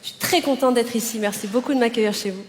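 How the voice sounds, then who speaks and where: A woman stand-up comedian, talking directly to the audience on stage in a lively, energetic way. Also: fairly high pitch, fast. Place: on stage before a live audience. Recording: live stage with loud crowd noise.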